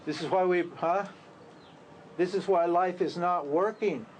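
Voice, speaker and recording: A male spiritual teacher with a high voice speaks unhurriedly to a group in an informal, conversational talk. He fills it with rhetorical questions and laughs at his own lines, over slight background noise.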